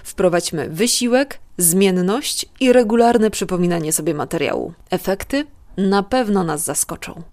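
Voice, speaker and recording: A woman's voice: lowish voice, normal speed, darkish tone, a little hiss or hum. A woman narrating a scripted radio feature as the reporter.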